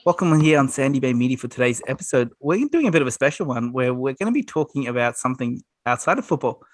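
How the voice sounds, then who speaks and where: A man's voice: medium pitch, animated, fast talker, dry recording. A man hosting a casual video-call interview, upbeat with short reactions. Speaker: host.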